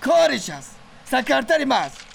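A man's voice: extremely high pitch, big pitch swings, vocal fry, a little hiss or hum, full character voice. An actor with an Afghan Dari accent playing a commanding middle-aged male company boss and father. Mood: scolding. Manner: commanding, scolding.

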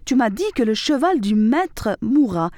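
A hungry male dog who grumbles about being cheated, voiced by a woman narrating the story. The voice is warm and dark, with a lively pitch that rises and falls. It is recorded close and dry. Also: measured pace, no echo. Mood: angry. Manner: complaining, accusing.

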